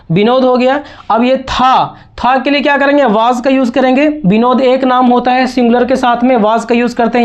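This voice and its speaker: A man's voice: extremely high pitch, highs cut off. A man teaching English grammar to beginners, explaining each step patiently and repeating key words. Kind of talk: spoken language lesson.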